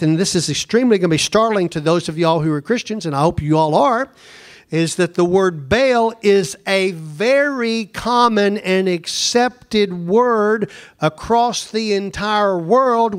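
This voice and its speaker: A pastor preaching a conversational sermon, slowing down to stress words and then rushing ahead. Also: male voice, high voice. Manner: conversational preaching, speeds up and slows down for emphasis.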